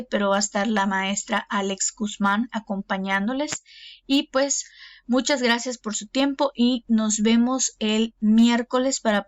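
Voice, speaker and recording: A woman teacher, patiently explaining exam answers with frequent fillers. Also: mid-range voice. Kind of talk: recorded exam review lesson. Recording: dull lo-fi recording, faint noise.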